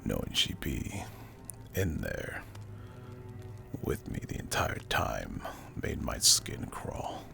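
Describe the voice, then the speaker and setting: A man with a rock-bottom, breathy voice tells a horror story in a hushed ASMR whisper. His delivery is slow, deliberate and spooky, thick with gravelly fry. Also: extremely low pitch, very animated. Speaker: narrator. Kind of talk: whispered ASMR horror storytelling, scripted first-person narration. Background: music.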